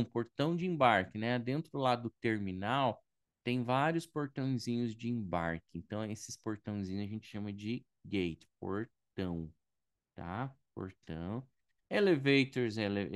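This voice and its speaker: A man's voice: on the low side, no echo, studio quality. A man from Brazil teaching airport vocabulary in a casual online lesson, explaining patiently, checking in with his students often and thinking aloud. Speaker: English teacher.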